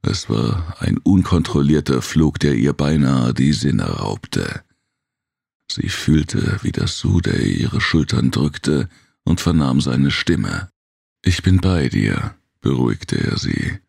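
A man reading a science-fiction audiobook in scripted narration, at a measured, steady pace. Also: extremely low pitch, gravelly, slightly rough, no echo, clean studio sound.

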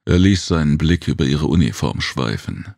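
Very deep gravelly male narrator. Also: expressive, moderate pace, darkish tone, no room sound, studio quality. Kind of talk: scripted audiobook narration.

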